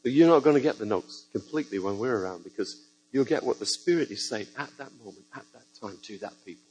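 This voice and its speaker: A man's voice: medium pitch, fast, a little hiss or hum, rough recording. A man preaching a sermon to a church congregation, telling stories with joking asides. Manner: lively storytelling with joking asides.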